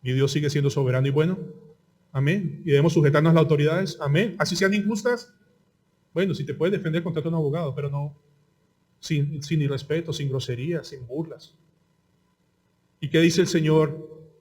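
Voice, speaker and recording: A male pastor with a Colombian Spanish accent delivers a sermon in a fairly high voice. He asks his listeners question after question. He rises to loud bursts and drops to quiet asides. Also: a little fast, long pauses. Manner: impassioned preaching, rhetorical questions, swings from loud to quiet.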